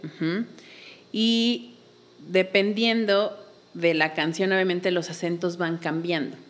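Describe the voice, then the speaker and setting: A woman's voice: fairly low pitch, fairly even intonation, slow. A woman, a belly dance teacher, explaining patiently in a casual interview and counting beats aloud.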